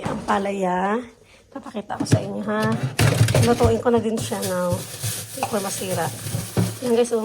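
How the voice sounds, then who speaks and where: A woman's voice: mid-range voice, creaky, a little mellow, slight background noise. A young woman, chatting casually to her viewers at home in a vlog, cooing now and then at her baby. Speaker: vlogger, mother.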